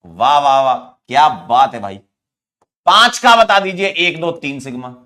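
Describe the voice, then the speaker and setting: A man's voice: fairly high pitch, big pitch swings, measured pace, pushed and bright. A man from India teaching chemistry in a live online class, playful and teasing, counting aloud as he explains.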